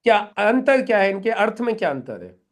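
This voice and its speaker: A man's voice: high-pitched, sing-song, brisk. A middle-aged man leading a live training session in a meeting room, instructing the group and quizzing them with questions.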